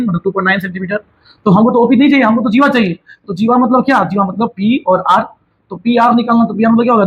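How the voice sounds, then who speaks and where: A man's voice: high-pitched, husky, low-quality recording. A man explaining a maths lesson in a colloquial, teasing way, often answering his own questions as if a student had asked them. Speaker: maths teacher. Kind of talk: casual classroom explanation.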